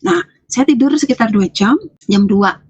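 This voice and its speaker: Woman from Lampung, fairly high voice, husky, hesitant earnest testimony. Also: expressive, moderate pace, a little mellow, dry recording. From Lampung, Indonesia. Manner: hesitant, restarts and repeats phrases often; earnest, emotional storytelling. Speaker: interview guest giving a faith testimony. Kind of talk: personal testimony, casual speech.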